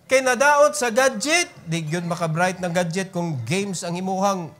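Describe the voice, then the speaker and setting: A man's voice: high-pitched, moderate pace, a bit bright. A preacher with a Cebuano accent, delivering an emphatic sermon at a church prayer meeting and often asking his listeners for an amen. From Philippines. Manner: emphatic, often calls out "brethren" and asks "Amen?".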